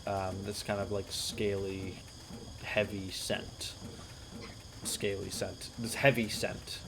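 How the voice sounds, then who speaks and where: A man narrating a tabletop game as game master, describing scenes slowly and searching for the words. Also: lowish voice, level tone, noisy background.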